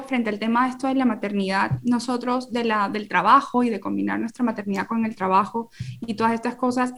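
Woman in her thirties, podcast guest, earnest, everyday examples, somewhat high voice. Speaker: podcast guest, parenting educator. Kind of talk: conversational podcast explanation.

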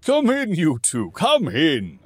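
High, loud, jolly dwarf king, storybook reading. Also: slow, slightly rough, no room sound, heavily acted. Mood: eager host. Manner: booming, exuberant, excitable. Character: boisterous jovial male dwarf king.

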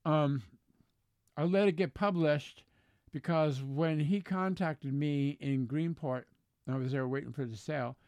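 Blunt old sailor, clear higher-pitched man's voice. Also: unhurried, a little mellow, dry recording. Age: 70s. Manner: blunt, plain-spoken old sailor with salty folksy talk. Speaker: veteran solo sailor, interview guest. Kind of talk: casual chat, storytelling.

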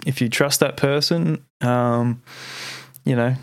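A man hosts a laid-back interview in a smooth, clear voice, easing into reflective comments between agreeing yeahs. The sound is close and completely dry, with no room around it. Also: medium pitch, takes it slowly, no room sound. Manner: relaxed, reflective, lots of yeahs. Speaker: interview host. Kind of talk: casual interview chat.

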